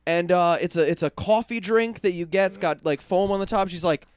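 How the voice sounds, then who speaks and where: A man's voice: high voice, brisk, clear, resonant tone, no echo, studio quality. A man co-hosting a casual podcast, telling stories with lots of swearing and imitating his relatives. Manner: animated storytelling, profane, mimics relatives. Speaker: podcast co-host.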